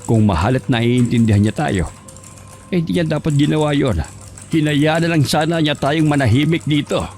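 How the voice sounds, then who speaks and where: A man's voice: fairly high pitch, moderate pace, a little mellow, soft background music, lightly acted. A man voicing a stern, distrustful old ghost grandfather who scolds and accuses. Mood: scolding.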